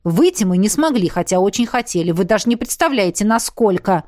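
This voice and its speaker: A woman reading the lines of a young male adventurer, brisk and mocking. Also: medium pitch, animated, a little mellow, no echo, clean studio sound, natural voice. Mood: joking.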